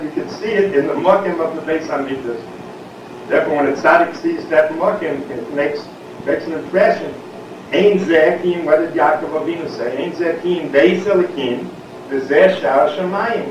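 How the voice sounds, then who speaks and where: Man teaching Torah in an echoey, distant recording. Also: fairly high pitch. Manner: explanatory, rhetorical questions, frequent "we'll say" and "I mean". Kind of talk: Torah lecture on Psalms. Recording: echoey, distant, dull and noisy.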